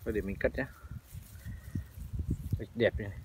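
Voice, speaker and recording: Man, slightly low voice, casual vlogger talk, outdoors on a camera mic with loud rural background noise. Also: fairly even intonation, normal speed. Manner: chatty, addresses viewers as family. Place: outdoors in rice fields. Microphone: handheld phone or body camera. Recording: noisy outdoor field recording.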